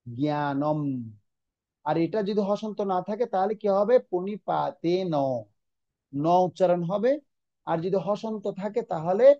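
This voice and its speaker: Teacher, middle-aged man, online class, slow repetitive drilling, mellow dull-sounding voice. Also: high voice, no echo. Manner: slow drilling repetition of words, quizzing students. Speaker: religious course teacher. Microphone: online video call.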